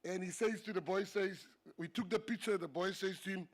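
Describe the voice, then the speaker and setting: Speaking fairly quickly in a high-pitched voice, a man entertains a banquet hall with a humorous after-dinner speech. He is a South African government minister whose first language is Afrikaans, and he tells stories while laughing at his own jokes.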